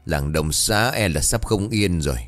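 A man voicing a frail village elder past seventy who speaks slowly and solemnly. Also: on the low side, sing-song, soft background music. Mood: grave. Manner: slow, solemn, commanding.

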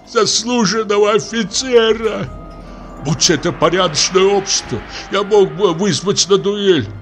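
A man's voice: high-pitched, a bit bright, voice pushed up. A man playing a deaf, pompous old sea captain. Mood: indignant. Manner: mishears, then blusters indignantly.

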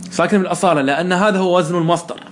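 A man speaking very fast in a high voice runs a one-on-one question-and-answer lesson on Arabic morphology, patiently testing his student and praising the answers. A little hiss or hum is audible.

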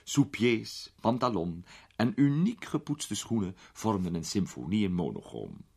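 A man narrating a story in a lively, expressive way. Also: fairly low pitch, measured pace, gravelly, slightly rough. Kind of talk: audiobook narration.

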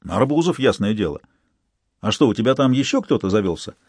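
A man's voice: on the low side, big pitch swings, fairly quick, a little mellow, slightly rough, dry recording, studio quality, exaggerated voice. A man voicing a sleepy, blunt young man speaking on the phone in a storybook reading. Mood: curt. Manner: drowsy, then curt and decisive.

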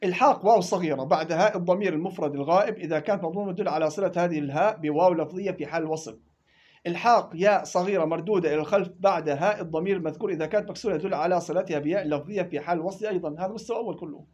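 A man teaching tajweed rules in a classroom lesson, explaining quickly and chanting verse examples in between. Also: high voice, a little mellow, lo-fi sound. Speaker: Quran recitation teacher.

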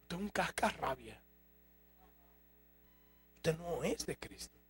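Male pastor, high voice with rasp, emphatic sermon delivery. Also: expressive, takes it slowly, a bit bright, faint music behind. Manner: emphatic, rhetorical questions to congregation. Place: church.

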